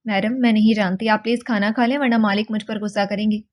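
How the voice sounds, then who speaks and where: A woman voicing a quiet, obedient housemaid who speaks softly and with restraint. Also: medium pitch, fairly even intonation, lightly acted. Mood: restrained. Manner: soft and restrained.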